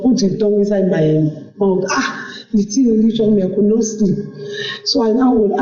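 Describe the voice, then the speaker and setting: Woman, middle-aged, Nigerian accent, voice message, pleading, halting, mellow tone, echoey lo-fi recording. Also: medium pitch. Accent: Nigerian English. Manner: pleading, halting, repeats herself. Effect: played back voice note. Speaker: caller asking for help. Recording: dull echoey voice note recording.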